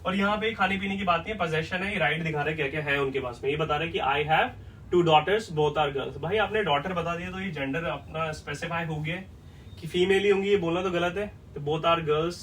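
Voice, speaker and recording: Guy teaching english at a whiteboard, kinda high voice, mic a bit far off with faint hiss. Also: quick pace, fairly bright tone. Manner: explains step by step, asks "clear?" often. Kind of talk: whiteboard lesson.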